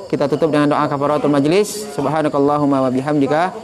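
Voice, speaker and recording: Patient male Arabic teacher, slightly high voice. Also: level tone, fast, a crowd in the background. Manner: patient, corrects pronunciation, laughs often. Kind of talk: online Arabic class.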